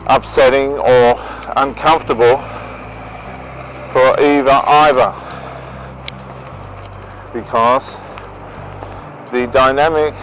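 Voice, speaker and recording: An Australian man giving an unscripted talk to viewers in a deliberate, halting way. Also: mid-range voice, rough recording. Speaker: vlogger giving relationship advice. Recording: outdoor noise behind the voice.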